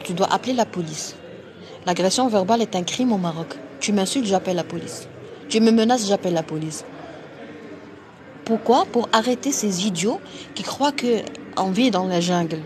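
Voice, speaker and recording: A Moroccan woman with a Moroccan accent, a doctor hosting a live stream, speaking emphatically and forcefully in a slightly tired voice. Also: medium pitch. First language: Arabic. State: a bit tired. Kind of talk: live-stream talk to viewers.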